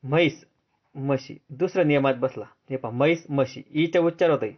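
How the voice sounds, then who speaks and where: A man with a Marathi accent teaching a grammar lesson, drilling students with repeated questions and answering them himself in a lower, softer voice. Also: brisk. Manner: answers drop low and soft. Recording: dull lo-fi sound.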